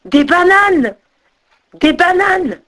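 A woman's voice: high-pitched, expressive, normal speed, voice pushed up. A woman voicing a small, hungry male water rail bird who has been left out by his companion. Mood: joyful. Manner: eager then quietly stern.

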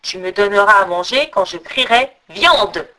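A woman voicing a big, hungry male eagle in a storybook tale, calling out loudly and insistently. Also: mid-range voice, animated, moderate pace. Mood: demanding. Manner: loud, insistent cries.

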